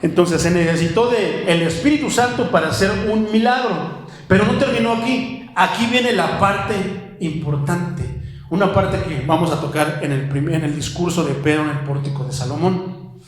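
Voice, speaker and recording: A man preaching a sermon as pastor, animated, firing rhetorical questions and calling listeners "my brother". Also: sits high, normal speed. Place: church hall. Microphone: handheld microphone. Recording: very echoey church hall.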